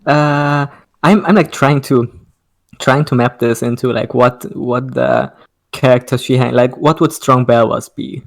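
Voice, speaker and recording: A podcast co-host chatting casually and cracking jokes. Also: unhurried. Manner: joking, lively swings in pitch. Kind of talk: casual chat.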